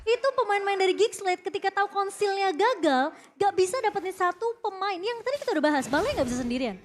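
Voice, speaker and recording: A woman's voice: very high voice, lively intonation, fast talker. An Indonesian woman giving live esports analysis in a colloquial, emphatic style. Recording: music behind the commentary.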